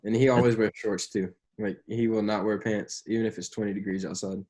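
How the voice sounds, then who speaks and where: A man's voice: on the low side, steady tone, brisk, mellow. A man in casual podcast chat, an athletic trainer telling stories in an understated way.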